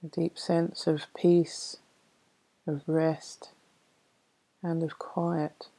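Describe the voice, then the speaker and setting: A woman leading a guided meditation in a soft, soothing, unhurried way with long pauses. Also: deep voice, flat delivery, rough recording. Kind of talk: guided meditation narration, reading a poem.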